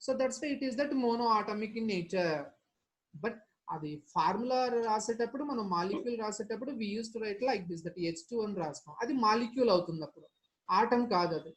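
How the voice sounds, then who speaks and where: A male teacher with a Telugu Indian accent and Telugu as his first language speaks very quickly in a high register for a man. He explains step by step in an interactive lesson, repeating himself and often checking with short tag questions. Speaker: chemistry teacher.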